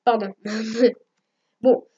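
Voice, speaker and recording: Woman, home screen-recorded tutorial, slightly high voice, halting delivery with constant fillers, dull cheap mic, faint hiss. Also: little pitch movement. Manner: hesitant, many fillers, corrects herself often. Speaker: YouTube tutorial maker.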